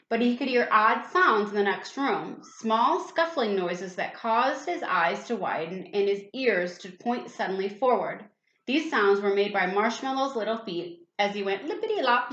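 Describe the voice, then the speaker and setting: A teacher with a medium-pitched, somewhat bright voice reads a picture book aloud, expressively, adding little asides and questions for young listeners. The room is echoey and the sound slightly dull.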